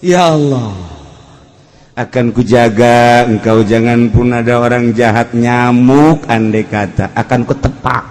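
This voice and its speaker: Delivering a funny story-driven sermon, a Sundanese-accented Islamic preacher alternates playful mock-romantic recitation with everyday asides. He speaks a little slowly in a mid-range, darkish voice with fairly even intonation, his words ringing through a hall with long reverb.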